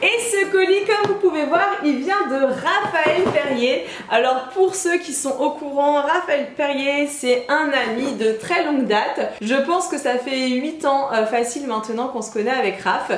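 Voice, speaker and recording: A woman's voice: sits high, measured pace, few pauses, a little hiss or hum. Gushing woman, echoey room. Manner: gushing, enthusiastic, chatty. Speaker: beauty vlogger. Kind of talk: casual unboxing chat.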